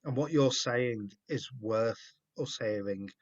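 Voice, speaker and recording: A man's voice: mid-range voice, slow pace. Host, man, rambling and encouraging, muffled video-call audio. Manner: rambling, encouraging, repeats words. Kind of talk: casual chat.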